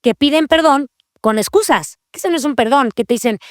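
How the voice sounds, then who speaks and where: Woman, devotional podcast talk, earnest and confessional, slightly high voice, dry close sound. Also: fairly quick, dry recording. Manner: earnest, confessional, repeats key phrases. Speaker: podcast host.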